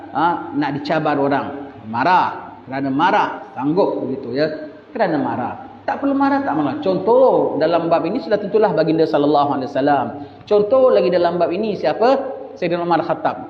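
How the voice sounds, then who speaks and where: A man giving a sermon, telling stories lively and acting out the voices of the people in them. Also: a little high. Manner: lively storytelling, acts out dialogue in shifted voices. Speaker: religious teacher. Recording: echoey hall, dull lo-fi sound with faint hiss.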